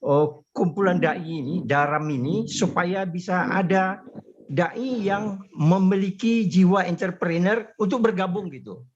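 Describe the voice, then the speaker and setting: A polite, deferential man asks his question over a remote call. His fairly high voice keeps cutting out on a choppy connection, and the whole line sounds dull and lo-fi. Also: unhurried, slight background noise. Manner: polite, deferential, keeps repeating the respectful address. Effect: choppy call audio that keeps breaking up. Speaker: caller asking a question. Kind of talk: question in an online Q&A.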